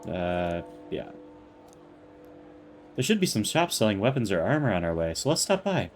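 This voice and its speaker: A man's voice: fairly low pitch, very animated, normal speed, faint music behind. A man giving casual, joking commentary while playing a game. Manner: joking, self-mocking asides. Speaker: gameplay streamer.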